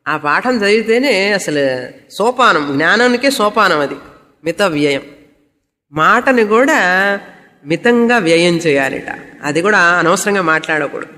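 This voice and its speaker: A woman's voice: lowish voice, a bit bright, long reverb tail. A woman spiritual teacher giving a scripture lecture, explaining Sanskrit verses word by word and asking rhetorical questions that she answers herself.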